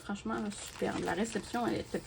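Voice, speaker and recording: This crafting YouTuber has a mid-range, creaky voice and talks fast. She unboxes things and gushes to her viewers in a casual chat, leaning on lots of fillers and repeating words, over a constant background noise dotted with clicks.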